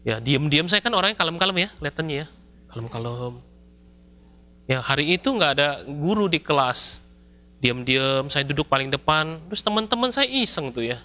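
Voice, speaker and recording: A male pastor, preaching a sermon in a lively, storytelling way with casual slang. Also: on the high side, fairly quick. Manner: lively storytelling, acts out scenes with shouts and mock voices; casual colloquial Jakarta-style slang mixed in.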